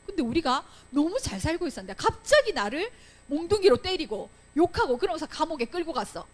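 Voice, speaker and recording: A woman's voice: high voice, a little fast. A young woman teaching a Sunday school Bible lesson to children, telling the story with acted-out lines and frequent questions to the class. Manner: animated storytelling, acting out quoted lines, asking children questions. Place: church classroom.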